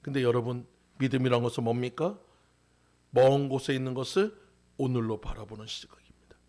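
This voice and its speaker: A male pastor preaching a sermon. He moves between impassioned raised calls and hushed, whispered lines. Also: mid-range voice, steady tone, a little fast.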